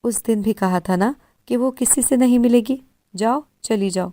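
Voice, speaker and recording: A woman's voice: fairly high pitch, mellow, no echo, studio quality, close to an everyday voice. A woman voicing a rude mother who curtly turns visitors away in a storybook reading. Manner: curt and dismissive. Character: rude, dismissive mother of a girl.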